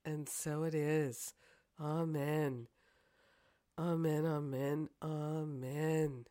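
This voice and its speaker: Hoarse and congested from sinus trouble, this woman speaks low and mellow with fairly even intonation, her voice croaky. As a spiritual teacher, she leads a devotional guided prayer using deliberate, repetitive affirmations separated by long pauses, and afterward shifts into casual announcements.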